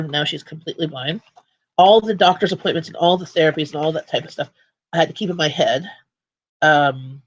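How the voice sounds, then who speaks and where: A woman's voice: deep voice, lo-fi sound, slight background noise. A woman hosting a casual livestream chat from home. She rambles and often restarts her sentences. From Canada. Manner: rambling and chatty, with frequent restarts. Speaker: livestream host.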